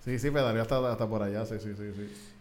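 A man from Puerto Rico with a Puerto Rican accent in casual podcast chat, chatty and quick to agree. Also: fairly low pitch, steady tone, a little mellow, faint music behind. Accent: Puerto Rican Spanish. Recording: crowd noise behind the voice.

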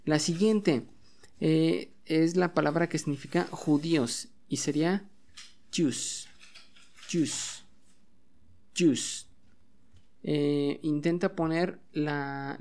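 A man's voice: a little high, darkish tone. A man hosting a bilingual podcast lesson at home, patiently drilling words and having listeners repeat them. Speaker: English teacher and podcast host.

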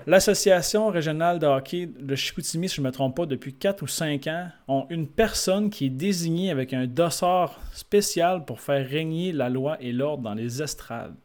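A man's voice: a little high, normal speed, hardly any pauses. A man with a Québécois accent, a sports coach telling anecdotes in a conversation and acting out the people in them. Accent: Québécois French. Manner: lively storyteller who acts out the people in his stories. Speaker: sports coach and guest speaker.

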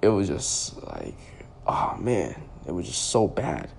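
A man's voice: deep voice, wildly swooping pitch, slow pace, creaky, slightly rough. A young man in his twenties, a podcast host, telling a personal story in a loose, rambling way full of "like" and restarts. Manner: rambling, heavy use of "like" and restarts.

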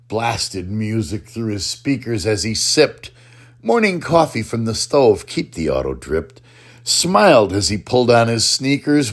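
A man performing a rhyming spoken-word poem in a slow, rhythmic delivery. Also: mid-range voice. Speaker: poet. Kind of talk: spoken-word poetry recitation.

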